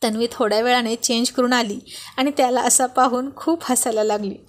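A woman reading a romance story aloud in steady narration, slipping in English words. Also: fairly high pitch, fairly quick.

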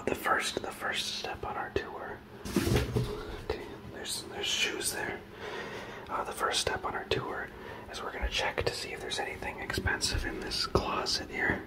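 A man in his thirties whispering a comedy sketch in a dark house, hesitant and full of fillers, close to a handheld phone. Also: low-quality recording. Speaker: comedian host. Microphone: handheld phone camera close up.

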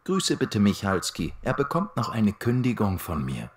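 A man's voice: fairly low pitch, huge pitch swings, normal speed. A man voicing a defiant young woman in an audiobook for German learners, clipped and curt.

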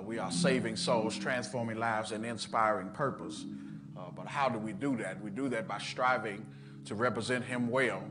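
A male pastor, preaching a sermon in a church with a rhythmic cadence and calling out to the congregation. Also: lowish voice. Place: church sanctuary.

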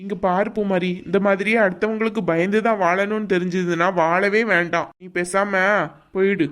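A woman's voice: mid-range voice, fairly even intonation, normal speed, natural voice. Kamal, a scolding impatient young man, voiced by a woman. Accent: Kanyakumari Tamil. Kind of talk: cartoon voice acting.

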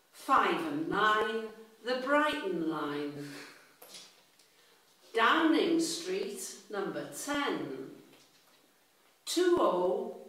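A woman calling out bingo numbers in a deliberate, formulaic way, with set rhyming phrases. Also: mid-range voice, fairly bright tone. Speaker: bingo caller. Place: indoor room with bookshelves. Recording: echoey room, distant from the mic.

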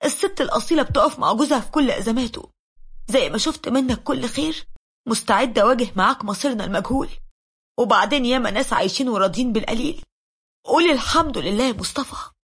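A woman's voice: on the high side, expressive, fast talker, fairly bright tone, husky. A woman with an Egyptian accent voicing a devoted young wife who pleads with her husband. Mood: pleading.

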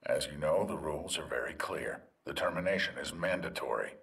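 An actor playing a grave, rule-bound doctor in a video game, speaking in a formal, measured, clinical way. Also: male voice, extremely low pitch, a bit bright. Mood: firm, regretful.

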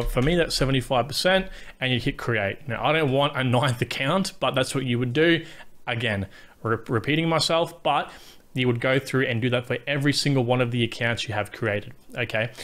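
A young man talks through a screen tutorial in an even, monotone voice that sits at an ordinary pitch for a man. His tone stays casual and explanatory, and he often adds a quick tag question to check that viewers are following. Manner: monotone, self-described. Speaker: host of a crypto tutorial channel.

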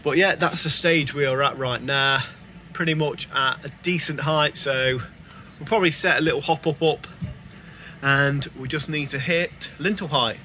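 A man's voice: on the high side, sharp tone, slight background noise. A young man, a bricklayer, talking casually about his work for a vlog, recorded outdoors on a building site. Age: young adult. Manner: quick, plain-spoken site talk.

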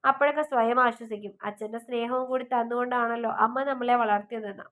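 A woman's voice: a little high, steady tone, fast, a bit bright, lightly acted. A woman voicing a teasing young woman who talks in a sad, reflective way about missing her father. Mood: wistful.

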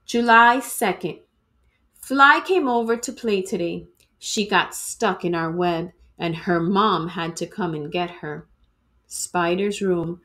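With a lowish voice and a slow delivery, a woman reads from a children's storybook. She hams it up expressively, the way a teacher reads to a class.

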